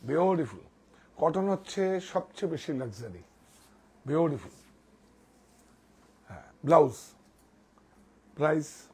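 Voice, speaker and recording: A man presenting sarees in a live sales pitch, enthusiastic, repeating praise and directing the models. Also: lively intonation, slow pace, long pauses, dark tone, slightly rough. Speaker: saree seller presenting products.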